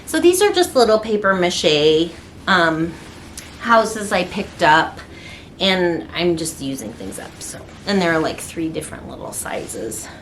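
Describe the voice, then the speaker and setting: A woman's voice: fairly low pitch, a bit bright, slight background noise. A middle-aged woman artist chatting casually to the camera in her studio, rambling with lots of ums and restarts. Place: indoor art studio.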